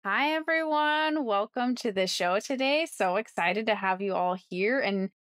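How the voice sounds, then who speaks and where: A woman's voice: a little high, expressive, unhurried, fairly bright tone, no echo, clean studio sound. A woman hosting a podcast, reading an upbeat scripted intro and then chatting with guests. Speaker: podcast host.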